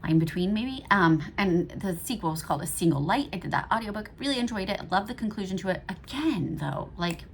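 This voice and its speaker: A woman's voice: mid-range voice, animated, a little fast, gravelly, hardly any pauses, slight background noise. A woman giving a casual monthly reading wrap-up as a book reviewer, rambling and chatty, with many fillers and self-corrections.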